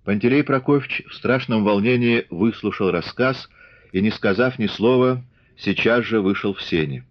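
A man narrating a novel as an audiobook in a steady, measured reading. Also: fairly low pitch. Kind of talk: scripted narration. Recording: dull lo-fi audiobook recording.

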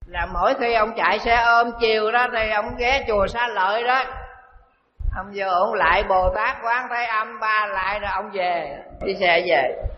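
A male Buddhist monk gives a dharma talk, telling a story slowly and repeating phrases. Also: high-pitched. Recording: dull echoey hall recording with faint hiss.

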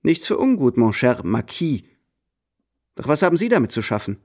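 An actor playing a proud, composed young tutor in a radio drama, speaking in a measured, cool way. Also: male voice, a little high, very animated, a little mellow. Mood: defiant. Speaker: first-person narrator and protagonist.

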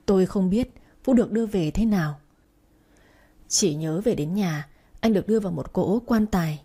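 A woman's voice: medium pitch, normal speed, mellow, husky. A woman narrating a first-person romance story in a mournful, emotional way, like an audiobook reading.

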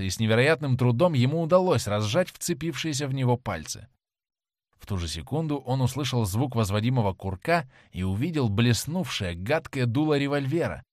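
A male narrator reads a classic novel with dramatic, expressive delivery. His pitch rises and falls in wide, lively arcs. The recording is dry, with the mic close. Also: no room sound. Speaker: audiobook narrator. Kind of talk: scripted narration.

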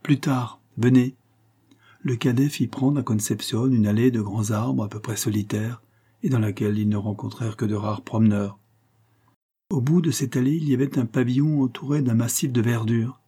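A man narrating an audiobook with a measured, steady literary reading. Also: medium pitch, husky. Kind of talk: scripted narration.

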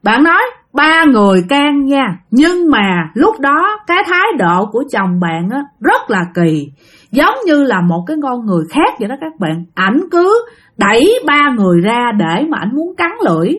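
A woman with a Southern Vietnamese accent narrating a ghost story to her listeners. Her voice sits fairly high and swings widely in pitch as she retells each scene with animation. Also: sing-song, moderate pace, fairly bright tone.

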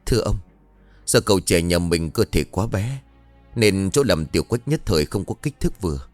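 A man's voice: sits low, animated, moderate pace, no room sound, faint music behind. A man voicing a polite, deferential servant. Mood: respectful.

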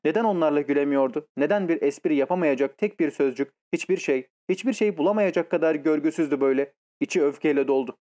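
Warm-voiced male audiobook narrator. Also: fairly high pitch, fast talker, few pauses. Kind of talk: scripted narration.

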